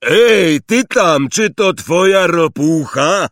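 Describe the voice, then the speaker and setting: A man's voice: high-pitched, lively intonation, slow, pushed and bright, no room sound, clean studio sound, far from the mic, pitched above the performer's own voice, full character voice. A man voicing a huge, hearty male half-giant gamekeeper who bellows orders to a crowd of children. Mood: booming, calling out.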